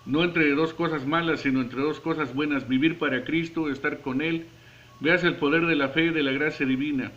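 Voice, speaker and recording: A man's voice: fairly high pitch, fairly bright tone, muffled recording. Earnest man reading a Bible commentary. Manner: earnest, measured reading with occasional stumbles. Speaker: devotional preacher. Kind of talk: read-aloud Bible commentary and prayer.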